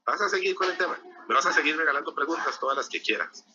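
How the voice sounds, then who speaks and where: A man's voice: a little high, fast, lo-fi sound, background noise. A man arguing in a heated online religious debate, combative and firing rhetorical questions at his opponent over a video call.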